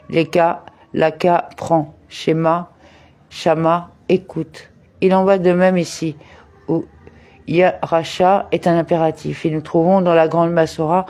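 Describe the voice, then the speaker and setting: A man reading a religious commentary aloud in a measured way, working in Hebrew terms and verse references. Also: on the high side, dark tone. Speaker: reader of a daily study text.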